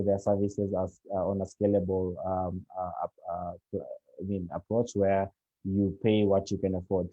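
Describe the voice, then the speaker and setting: A man's voice: lowish voice, warm tone, no room sound. A man moderating a panel discussion, hesitant with many fillers. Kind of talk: live online panel moderation. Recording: muffled lo-fi audio.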